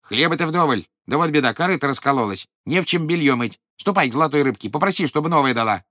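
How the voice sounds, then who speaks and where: A man's voice: fairly high pitch, expressive, quick pace, sharp tone, dry recording, clean studio sound. A man voicing a greedy, domineering old peasant woman who screeches and scolds. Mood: scolding.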